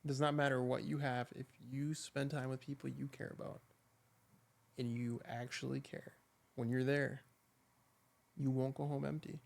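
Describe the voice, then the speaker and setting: A man's voice: medium pitch, level tone, moderate pace, gravelly, long pauses, darkish tone. A man co-hosting a casual podcast chat, laid-back and sincere, repeating his points. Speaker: podcast co-host. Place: podcast set with camera and microphones.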